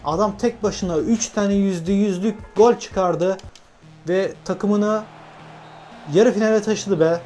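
A young man from Turkey giving lively, self-talking commentary while playing a football video game, urging on his players. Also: high voice, slow, faint music behind. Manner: animated, talks to himself and his players, frequent laughs. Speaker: gaming YouTuber. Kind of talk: excited gameplay commentary.

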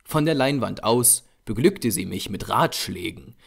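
A man narrating a horror audiobook in a measured, expressive storytelling manner. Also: on the low side, vocal fry, husky.

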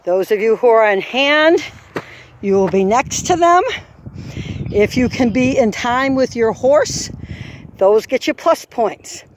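A woman walks a farm trail course outdoors and recites each move in an unhurried, deliberate way. She counts out steps and trots aloud, recorded on a handheld camera as she walks, with faint outdoor sounds behind her. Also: on the high side, lively intonation, a little hiss or hum. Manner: calls out steps and trot rhythm. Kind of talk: walking course instruction. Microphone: handheld camera while walking. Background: faint outdoor farm ambience.

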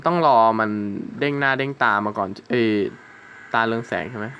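A man's voice: medium pitch, fairly quick, bright, forceful tone, a little hiss or hum. A young man hosting his gaming channel, chatting casually through gameplay and swearing and exclaiming at the game.

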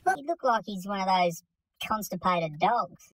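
A man's voice: high-pitched, expressive, moderate pace, fairly bright tone, no room sound, rough recording. A man playing a crude, joking middle-aged uncle in a comedy skit, smug and gleefully vulgar.

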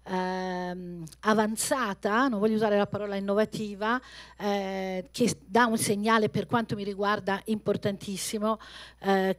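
A middle-aged woman giving a spontaneous introduction on stage into a handheld microphone, searching for words and rephrasing. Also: medium pitch. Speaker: event host introducing a speaker. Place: theatre stage.

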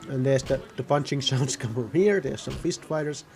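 A man's voice: medium pitch, normal speed, gravelly, slight background noise. A man giving casual, rambling gameplay commentary, often correcting himself mid-sentence. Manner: rambling, self-correcting, offhand. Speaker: gaming video host.

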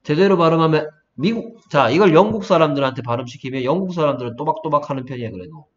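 A man tutoring English pronunciation one-on-one, saying sounds slowly and then faster, and asking the student to repeat them. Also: on the high side, expressive. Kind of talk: one-on-one phonics lesson. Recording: dull, lo-fi sound.

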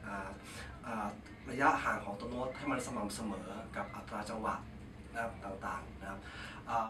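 A man's voice: lowish voice, fairly even intonation, normal speed. A man teaching guitar rhythm, counting beats aloud patiently with many hesitation fillers. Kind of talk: guitar lesson. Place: music school room. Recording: echoey, distant mic, noisy. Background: guitar playing.

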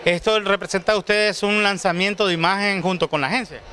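A man's voice: sits high, fairly even intonation, a little fast, pushed and bright, slight background noise. A man in his forties hosting a TV show, interviewing a guest at a trade fair booth with a handheld mic, formal and courteous. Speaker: TV show host.

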